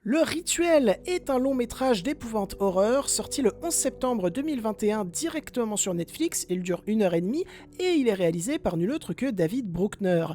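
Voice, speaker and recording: A woman's voice: on the high side, animated, moderate pace. A woman hosting a casual film review podcast, chatty and talking straight to her listeners with self-mocking asides.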